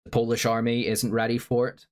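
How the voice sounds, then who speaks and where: A man's voice: mid-range voice, completely flat delivery, a little fast, a little mellow. A man with a sore throat, livestreaming casual commentary and reading out viewer chat in a rambling, filler-heavy way. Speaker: stream host.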